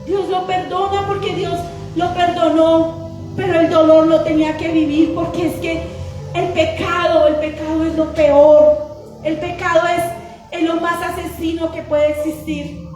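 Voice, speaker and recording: High-voiced woman preaching in an echoey church. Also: flat delivery, unhurried. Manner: earnest, repetitive, sing-song preaching cadence. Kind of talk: sermon. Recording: very echoey church with soft music behind.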